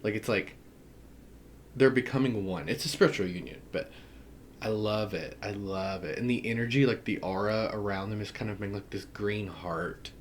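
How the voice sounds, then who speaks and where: A man's voice: lowish voice, normal speed, slight background noise. A man with a Southern US accent, chatting enthusiastically as he unboxes a tarot deck and laughs often. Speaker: tarot reader. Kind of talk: casual deck unboxing chat.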